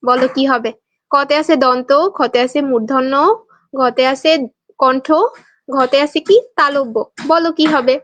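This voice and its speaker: A woman's voice: high-pitched, steady tone, a little slow, fairly bright tone, no room sound. A young woman from Bangladesh teaching an online exam-prep class, quizzing students and reading their answers aloud with a playful, teasing manner.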